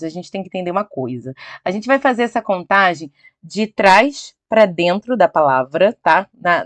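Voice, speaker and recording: A middle-aged Brazilian woman teaching Portuguese grammar over slides, checking in often with her viewers and drawing out key words slowly for emphasis. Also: medium pitch, no room sound. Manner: chatty, checks in with "tá?" and "ok?".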